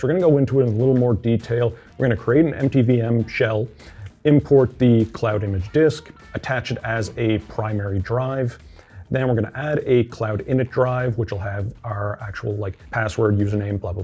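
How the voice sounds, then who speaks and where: A man presenting a homelab tutorial, talking casually through a screen-share walkthrough and thinking aloud, relaxed and self-deprecating as he clicks around. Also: medium pitch.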